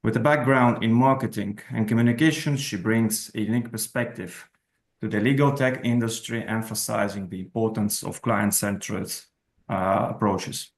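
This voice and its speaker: A man's voice: lowish voice, steady tone, normal speed. A man hosting an interview, introducing the guest and asking questions, with some hesitant fillers. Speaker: host.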